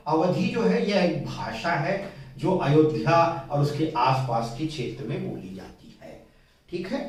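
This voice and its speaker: A man teaching a Hindi spelling lesson, explaining slowly and repeating his key points with patience. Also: fairly high pitch. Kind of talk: whiteboard grammar lesson. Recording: very echoey room, mic at a distance.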